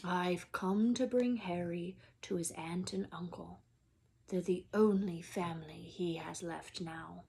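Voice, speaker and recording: A woman voicing a calm, grave, wise old male wizard from a storybook in a measured, hushed and firm way. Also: fairly low pitch, creaky, slightly rough, pitched below the performer's own voice, full character voice.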